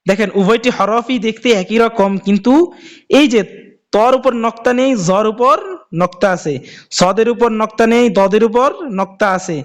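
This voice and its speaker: A man teaching a Quran class, explaining how to say Arabic letters and drawing out each letter name for practice, with a Bangladeshi Bengali accent. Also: high-pitched. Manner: drawn-out, repeated letter names for practice.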